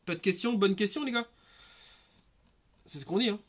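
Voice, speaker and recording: Male streamer, 30s, high-pitched, loose rambling live chat with lots of fillers. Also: moderate pace. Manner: chatty, rambling with many fillers and restarts.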